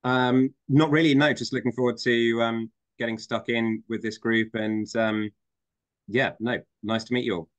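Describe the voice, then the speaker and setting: A man introducing his business on a video call, polite and filling pauses with "um". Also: mid-range voice, fairly even intonation, no room sound. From England. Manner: polite, many "um" fillers. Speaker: business owner introducing himself. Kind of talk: online meeting introduction.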